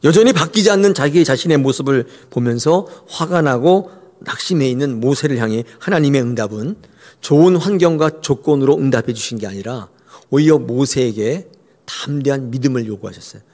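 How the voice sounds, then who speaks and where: A man's voice: mid-range voice, brisk, a little mellow. A male pastor preaching a sermon expressively and addressing the congregation directly. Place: church. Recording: long church hall reverb.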